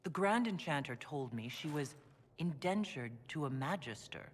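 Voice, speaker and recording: A man's voice: fairly high pitch, lively intonation, slight background noise, lightly acted. Man as a composed hero in a reverberant hall. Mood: composed, probing. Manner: measured, direct, diplomatic. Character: composed, forthright fantasy hero questioning a negotiator. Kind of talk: video game cutscene acting.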